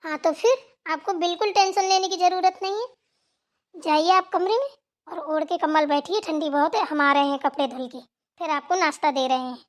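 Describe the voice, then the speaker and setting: A woman's voice: very high-pitched, fairly quick. A woman voicing a young daughter-in-law who talks politely and soothes her mother-in-law in a cartoon. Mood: soothing. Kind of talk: cartoon voice acting.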